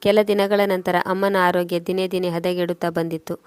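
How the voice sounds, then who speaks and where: A woman narrating a story in steady scripted storytelling. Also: lowish voice, fairly quick, smooth, no room sound.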